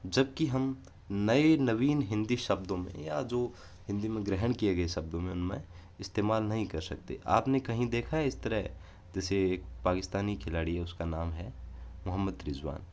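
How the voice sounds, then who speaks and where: A man giving a casual online grammar lesson, explaining patiently and pausing on filler sounds, recorded indoors near a railway line. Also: fairly low pitch, darkish tone. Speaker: Hindi grammar teacher.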